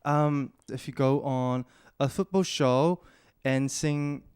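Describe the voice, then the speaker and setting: A man hosting a podcast in English as a native Korean speaker. His voice is smooth and clear, recorded close and dry. He teases his guest playfully and laughs often. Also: mid-range voice, slow, darkish tone, dry recording. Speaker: podcast host. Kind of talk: casual podcast chat.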